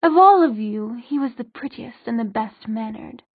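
A woman narrator performs a haughty, ageless, cunning fairy queen, her high-leaning voice husky, expressive, and close and dry. She speaks at a moderate pace in formal, imperious phrases, like a storybook ruler looking down on her listeners. There's no room sound, and the audio has a phone-quality sound.

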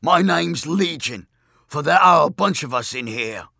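A man voicing a huge, mad male demon who shouts threats and mocks with a buzzing voice. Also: a little high, animated, unhurried, gravelly, no echo, studio quality, pitched above the performer's own voice, heavily acted. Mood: slow, sly. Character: huge raging male demon, mocking and menacing.

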